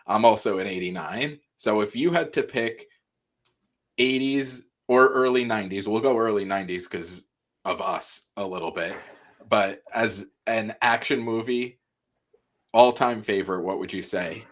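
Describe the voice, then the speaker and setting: A man's voice: fairly low pitch, a little slow. A man in his thirties with a Long Island accent, a podcast host asking teasing questions in a laid-back way. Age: 30s. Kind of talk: casual podcast chat.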